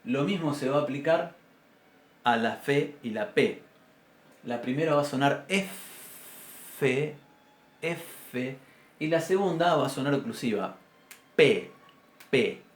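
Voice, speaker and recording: A man teaching a Biblical Hebrew class with an Argentine Spanish accent, explaining patiently and sounding out letters aloud, often clearing his throat. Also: medium pitch, moderate pace, roomy sound. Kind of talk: university class lecture. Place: classroom with a blackboard.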